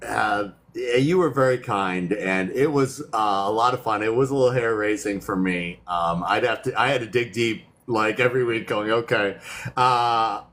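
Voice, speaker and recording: A man's voice: fairly low pitch, normal speed, few pauses, a bit bright. A man hosting a livestream, chatting casually in a loose, easygoing way, with many fillers and restarts. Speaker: livestream host. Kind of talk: casual chat.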